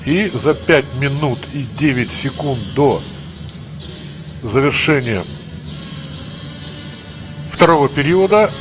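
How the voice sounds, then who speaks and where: A man's voice: mid-range voice, expressive, takes it slowly, pauses often, music in the background. A man giving live play-by-play ice hockey commentary, mixing exclamations with analytical asides.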